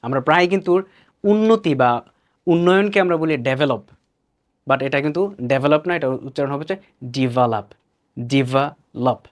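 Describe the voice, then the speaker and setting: A man with a Bangladeshi accent gives a pronunciation lesson, his voice sitting a little high. He explains each word, then repeats it slowly and carefully so the learner can copy it. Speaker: English pronunciation teacher.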